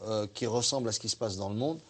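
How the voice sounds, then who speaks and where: A man, a business leader interviewed on TV, who speaks deliberately and emphatically and pauses to choose his words. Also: lowish voice, a bit bright, slightly rough. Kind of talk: TV studio interview.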